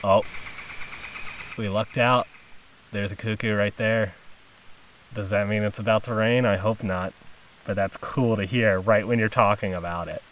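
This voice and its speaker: A man's voice: on the low side, steady tone, measured pace, pauses often, a bit bright, recorded from a distance, a little hiss or hum, poor audio. Chatty man hosting a nature podcast. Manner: chatty, informal. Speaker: podcast host. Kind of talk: casual nature narration. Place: outdoors in the field.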